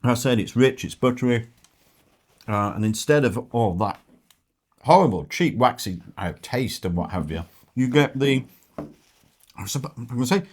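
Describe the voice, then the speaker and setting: Middle-aged man, casual vlog co-host, chatty, mid-pitched, eats while talking. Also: expressive, moderate pace, pauses often, darkish tone, husky. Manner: chatty, talks with mouth full. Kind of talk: casual food tasting chat.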